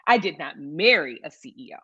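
A woman's voice: low voice, very animated, brisk, sharp tone, slightly rough, no room sound, muffled recording. A middle-aged woman from Michigan, a salon founder giving advice in an interview, emphatic and repeating key phrases for stress. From Michigan, USA. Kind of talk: conversational interview.

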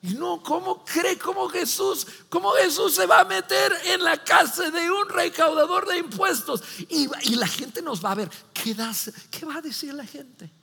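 A male pastor preaching a sermon, telling a story with lively acted-out voices and frequent restarts. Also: extremely high pitch, a little slow, vocal fry, hardly any pauses, big-room sound. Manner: animated storytelling, acts out voices, many restarts.

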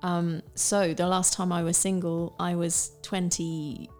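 A woman in her late thirties co-hosting a podcast, musing in a halting way with many restarts and ums. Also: on the low side, level tone, soft background music. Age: 30s. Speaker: podcast co-host. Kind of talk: casual chat.

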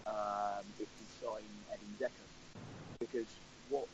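A man's voice: on the low side, steady tone, takes it slowly. Man on a crackly, fading call line. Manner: hesitant, with frequent ums and restarts. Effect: crackly remote call line that fades in and out. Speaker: football podcast panelist. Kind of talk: casual football chat. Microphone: remote phone or computer call. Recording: muffled crackly call line with faint hiss.

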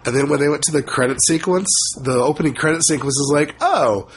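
A man with a wheezy, hoarse voice, roughened by a cough, chatting casually as a co-reviewer on a podcast. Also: fairly high pitch, steady tone, fast, slight background noise. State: voice affected by a lingering cough.

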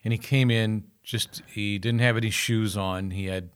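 A man's voice: lowish voice, moderate pace, smooth. An older man, a musician guest, telling anecdotes in a casual interview and slipping into the voices of people from his stories. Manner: lively storyteller who slips into voices of people in his stories.

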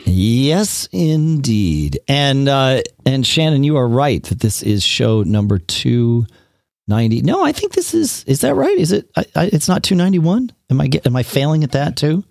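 A man's voice: mid-range voice, very animated, normal speed, creaky, darkish tone, no room sound, clean studio sound. A man co-hosting a podcast in casual chat, often repeating words as he starts his sentences. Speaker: podcast co-host.

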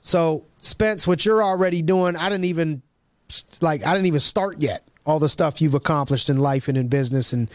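A man hosts a laid-back interview, pumping up his guests in long, looping sentences full of restarts and slang. His voice sits a little high for a man. The sound is dry and close. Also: normal speed, dry recording. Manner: hyped, rambling, many restarts and slang. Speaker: podcast host. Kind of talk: casual interview chat.

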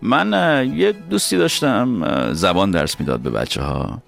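A male host telling stories in a playful, animated casual chat. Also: lowish voice, gravelly, faint music behind.

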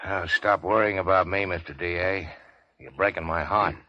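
A man's voice: sits low, steady tone, moderate pace. An actor playing a wounded big-shot racketeer, wry and world-weary, with clipped slangy tough-guy talk in a vintage radio crime drama. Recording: dull vintage radio recording.

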